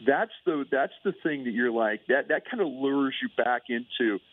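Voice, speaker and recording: A man's voice: mid-range voice, expressive, moderate pace, no echo. A man calling in as a guest analyst, rambling in casual chat with lots of fillers. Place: calling in remotely. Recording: tinny phone line.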